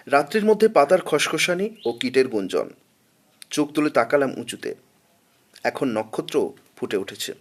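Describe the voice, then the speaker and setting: A man narrating a translated literary story in a measured, slow reading voice. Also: medium pitch, a bit bright.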